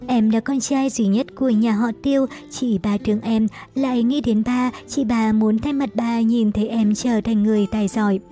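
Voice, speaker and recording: Woman doing worried big sister in a story, tender and pleading, super mellow dark voice. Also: fairly high pitch, steady tone, normal speed, few pauses, faint music behind, lightly acted. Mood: anguished pleading. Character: caring anguished eldest sister, young woman.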